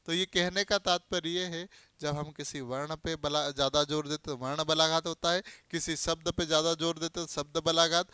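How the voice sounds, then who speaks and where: A man teaching a grammar class in a high, crisp voice. He keeps asking the class questions and then answering them himself, hammering home each key term. The sound is dry and close, with no room around it. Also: bright, forceful tone, dry recording. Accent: Hindi. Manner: explains by spelling out letters and giving everyday examples.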